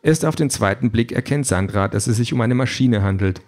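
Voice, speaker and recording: A man narrating a comic story for an audiobook in a dry, even storytelling manner. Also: mid-range voice, fairly quick.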